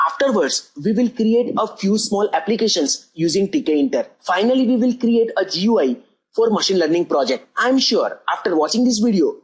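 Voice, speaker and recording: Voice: medium pitch, darkish tone, breathy edge, rough recording. A coding tutor talking through a screen-recorded programming lesson step by step, often repeating "as you can see over here".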